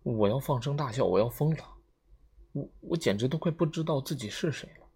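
A man's voice: mid-range voice, animated, darkish tone, husky, voice pushed up. A man reading an audiobook, voicing a nervous young man who stammers and loses his composure. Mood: panicky. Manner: stammering, halting, rising panic.

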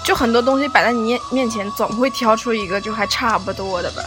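A woman's voice: on the high side, quick pace, over music. A woman from northeastern China chatting casually as a guest, tossing out tongue-in-cheek comic quips. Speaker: talk show guest. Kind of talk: casual comedic chat.

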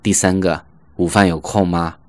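A man teaching English pronunciation in an online lesson, slowly modeling and repeating example phrases. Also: low voice, fairly even intonation, clean tone, dry recording.

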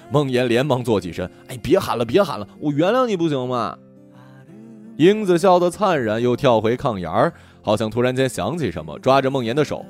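A man narrating a children's story in a gentle, expressive scripted reading. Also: medium pitch. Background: soft music.

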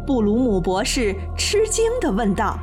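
A woman narrating a children's storybook in an animated, expressive way. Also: fairly high pitch, normal speed. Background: children's music.

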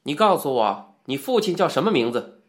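A man's voice: medium pitch, very animated, moderate pace, lightly acted. A man doing a bullying fat police officer. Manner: loud, pressing interrogation. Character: gruff heavyset male police officer interrogating.

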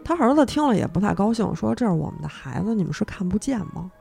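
Creaky, husky woman telling a horror story. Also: fast, faint music behind. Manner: animated telling, acts out the characters' lines with sharp pitch jumps. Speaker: podcast host, storyteller.

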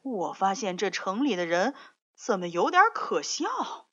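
A woman's voice: mid-range voice, very animated, a little slow, sharp tone, slightly rough, full character voice. A woman voicing a friendly, polite male lion in a storybook reading, speaking mildly and courteously. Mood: puzzled. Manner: mild, courteous, puzzled. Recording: dull lo-fi recording.

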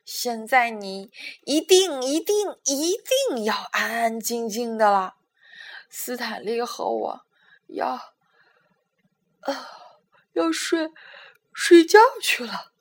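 A woman voicing a patient, motherly young girl in a bedtime storybook, firm yet gentle and coaxing. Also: medium pitch, lively intonation, slow, husky, voice pushed down, exaggerated voice. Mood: sleepy.

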